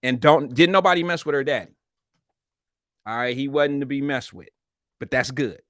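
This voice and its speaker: A man's voice: mid-range voice, moderate pace, fairly bright tone, dry recording, studio quality. A man hosting a casual live show, chatting with viewers in blunt, slangy, profane talk while wearing a retainer in his mouth. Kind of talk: casual livestream chat reading viewer comments.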